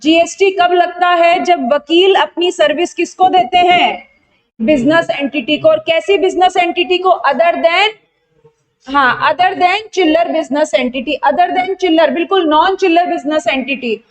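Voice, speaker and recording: A young woman with an Indian accent runs an online revision lecture for exam candidates, firing off questions and answering them herself. Her voice sits high. She switches freely between Hindi and English technical terms. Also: unhurried. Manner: quizzing students and answering her own questions. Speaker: GST exam tutor.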